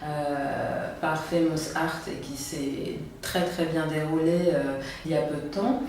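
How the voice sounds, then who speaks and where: A woman interviewer with a lowish voice asks long, hesitant questions full of fillers. She sounds far from the mic in a very echoey room. Faint noise lingers underneath. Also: fairly even intonation, takes it slowly, a little mellow.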